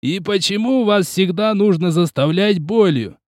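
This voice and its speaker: A man's voice: sits high, measured pace, a little mellow, no room sound, pitched above the performer's own voice. A man voicing a stern male martial arts teacher in an audiobook, with a dry voice and curt, teasing commands. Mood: dry praise.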